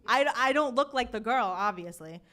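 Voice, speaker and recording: A young woman hosting a live podcast, telling a story time in a casual, animated way and acting out the quotes. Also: on the high side, normal speed. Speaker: podcast host. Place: podcast studio event.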